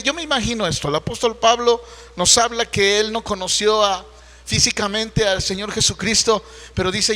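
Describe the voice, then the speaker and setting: A man's voice: sits high, bright, forceful tone, in a large hall. A man, a pastor preaching a Sunday sermon in a conversational, storytelling way full of rhetorical questions, heard in a church. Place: church sanctuary.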